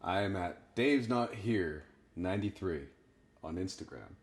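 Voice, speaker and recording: Deep-voiced easygoing male guest. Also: expressive, measured pace. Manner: easygoing, agreeable banter. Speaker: podcast guest. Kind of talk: casual podcast chat.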